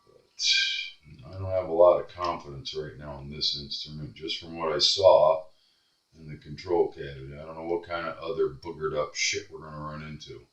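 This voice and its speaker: A man's voice: very deep voice, huge pitch swings, moderate pace, a bit bright, far from the mic, dull audio. A man repairing a guitar at his workbench, muttering to himself and grumbling as he works. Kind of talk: workbench commentary. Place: workshop bench. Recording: echoey room, voice off-mic.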